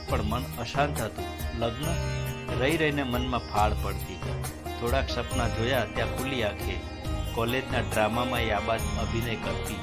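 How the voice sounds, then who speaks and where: A man narrating a novel in a measured, dramatic storytelling manner. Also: mid-range voice. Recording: loud background music.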